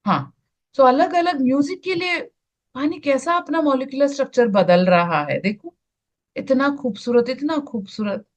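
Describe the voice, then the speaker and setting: An Indian woman, a spiritual teacher, explaining to an online group, slow and searching for words as she shares her screen. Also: sits high, expressive.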